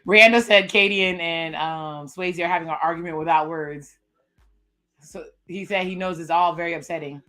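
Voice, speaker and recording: A woman's voice: fairly low pitch, fairly even intonation, moderate pace, sharp tone, faint music behind. A woman hosting a live reaction stream, casually recapping and commenting on a dating show. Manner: casual, recaps what cast members say, chatty asides. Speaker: reaction video host.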